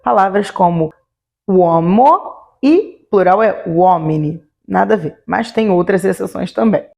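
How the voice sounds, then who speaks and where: A woman teaching an online grammar lesson, slowing down to spell out each example word. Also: mid-range voice, lively intonation, vocal fry, a little mellow, dull audio. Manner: explanatory, slows to spell out example words. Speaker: Italian teacher.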